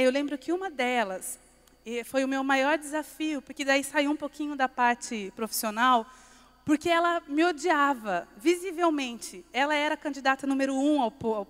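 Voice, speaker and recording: Brazilian woman telling church stories, high voice, big reverby hall. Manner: lively storytelling, acting out both sides of dialogues. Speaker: preacher at a church conference. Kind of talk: testimony sermon.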